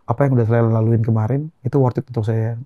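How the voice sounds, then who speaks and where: A young Indonesian man telling an emotional personal testimony as a guest, earnest and halting, repeating phrases as he goes. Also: medium pitch, fairly even intonation, dry recording, phone-quality sound.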